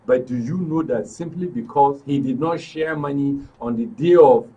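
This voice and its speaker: In a political discussion recorded in a radio and TV studio, a Nigerian-accented man appears as a guest and repeats phrases to drive his points home. He speaks at normal speed in a mellow, mid-range voice with a breathy edge, and the distant mic catches faint background noise.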